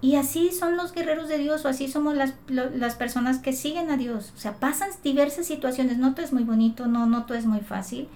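A woman's voice: high-pitched, steady tone, fairly quick, hardly any pauses, mellow. A mother telling her faith story in an earnest, emotional way, often restarting her sentences. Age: adult mother. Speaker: guest sharing her faith testimony. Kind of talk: heartfelt testimony in conversation.

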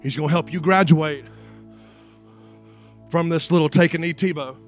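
A male preacher delivers a revival sermon in a fairly high voice. His phrasing is dramatic and rhetorical, with repeated lines aimed straight at the congregation. Faint music plays behind him. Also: fairly even intonation. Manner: dramatic, building from hushed, drawn-out phrases to high, sing-song cries; rhetorical repetition and direct address to congregation.

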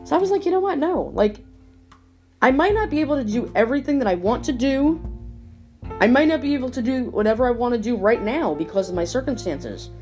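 A woman's voice: a little high, expressive, a little fast, warm tone, soft background music. A woman hosting her own podcast, talking through a casual motivational monologue in an emphatic way that repeats her points and leans on "like". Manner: emphatic, repeats herself, frequent "like". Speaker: podcast host.

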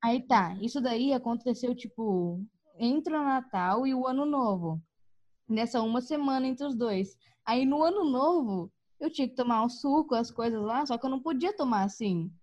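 High-voiced woman telling a story. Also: moderate pace, highs cut off. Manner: animated, laughing, acts out quoted voices. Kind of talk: casual storytelling.

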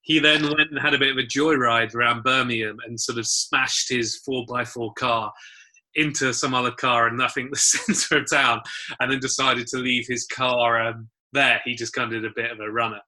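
A man's voice: medium pitch, fairly even intonation, moderate pace, bright, forceful tone. A man on a casual football podcast telling an amused story, laughing as he talks.

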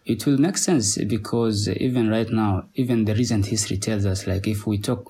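A man with a Somali accent, a native Somali speaker, talking as a podcast guest in a halting way, with many pauses and repeated words. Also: on the low side, warm tone. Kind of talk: conversational interview.

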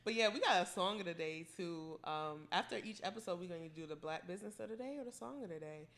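A young woman co-hosting a podcast, chatting casually, animated and laughing often. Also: on the low side, fast talker. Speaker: podcast co-host. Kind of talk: casual chat.

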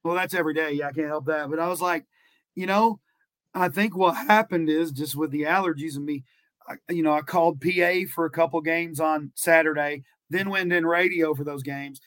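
A man co-hosting a podcast, hoarse and strained, chatty as he tells anecdotes. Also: a little high, steady tone, brisk, a bit bright, no echo. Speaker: podcast co-host and teacher. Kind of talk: casual podcast chat.

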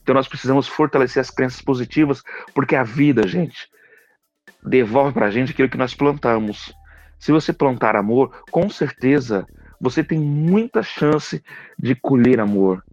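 On his podcast, a Brazilian psychologist delivers an earnest, folksy motivational monologue, often tagging sentences with "né." His mid-range voice is darkish and moderately paced. The recording is dull and dry with no room sound and faint background music.

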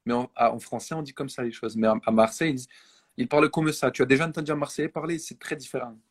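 A man from France chatting casually, halting and repeating words as he searches for the right phrasing. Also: mid-range voice, breathy edge. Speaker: conversation partner. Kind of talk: casual multilingual chat.

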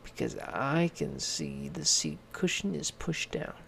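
A man's voice: medium pitch, huge pitch swings, measured pace, vocal fry, a bit bright, slight background noise, heavily acted. A man doing a prim Mama Bear. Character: mother bear, proper and observant.

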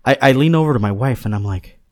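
A man's voice: mid-range voice, lively intonation, fast, no room sound, clean studio sound. A man co-hosting a casual chat show, rambling along with frequent restarts and fillers. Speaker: podcast co-host.

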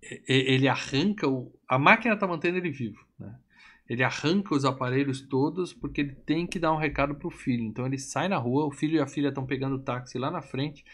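Profane, animated man recapping a film. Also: mid-range voice, fast. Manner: animated, profane storytelling with acted quotes. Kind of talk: casual film recap chat.

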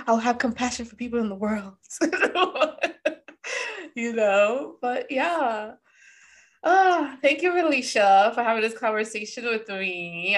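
A woman hosting a podcast in a loose, candid conversation. She talks with easy expression, curses freely and laughs often. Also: a little high. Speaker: podcast host.

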